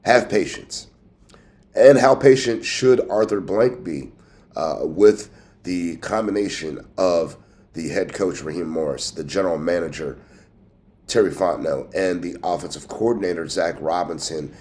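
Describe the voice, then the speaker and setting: Congested, nasal low-voiced man. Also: measured pace, a little mellow. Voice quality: congested, nasal, as with a pinched nose. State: has a cold with a scratchy throat. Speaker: host of a sports team news show. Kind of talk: casual sports commentary.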